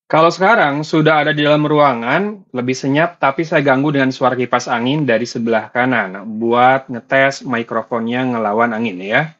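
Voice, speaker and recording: A man talks calmly through a wireless earbud microphone while a fan blows from one side, walking viewers through a mic test. The sound is dull and lo-fi, like a small earpiece pickup. He keeps an easy, casual reviewer's tone. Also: medium pitch, normal speed. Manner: calm, explains the test to viewers. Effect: voice through wireless earbud mic with a fan blowing beside him.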